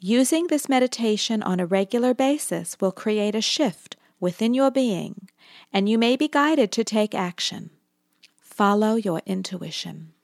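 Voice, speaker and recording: Slow, soothing woman guiding meditation. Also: mid-range voice, lively intonation, creaky. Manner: soft, soothing, slow delivery with long pauses. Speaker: meditation guide. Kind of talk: guided meditation narration. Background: background music.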